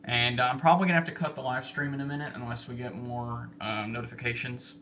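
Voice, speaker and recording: A gravelly-voiced American man gives casual commentary on a noisy amateur livestream while spotting severe weather and logging warnings, halting and thinking aloud as he works. His voice is medium-pitched, steady and fairly bright. He sits in an indoor room with computer and radio equipment, recorded by a phone set in a fixed spot, with room hiss.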